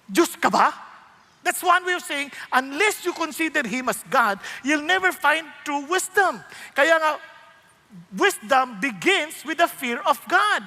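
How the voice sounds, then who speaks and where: A man with a Filipino accent preaching a sermon as a pastor, telling stories in an animated, humorous way. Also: extremely high pitch, a little slow.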